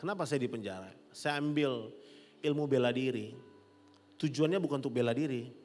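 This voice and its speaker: A middle-aged man preaching a sermon as pastor, animated and rising to loud peaks. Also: mid-range voice, moderate pace. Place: large church hall. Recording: long church hall reverb with soft music.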